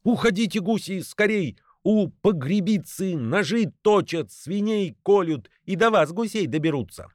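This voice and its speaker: A man's voice: lively intonation, measured pace, few pauses, darkish tone, dry recording, clean studio sound. A man voicing a noisy, mocking female jackdaw who cries out warnings, in a storybook reading. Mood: alarmed. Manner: shrill, crying out.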